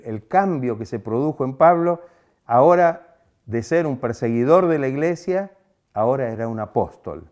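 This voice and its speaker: Mellow-voiced preacher delivering a sermon. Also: male voice, mid-range voice. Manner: earnest preaching with scripture readings, occasional restarts. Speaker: pastor.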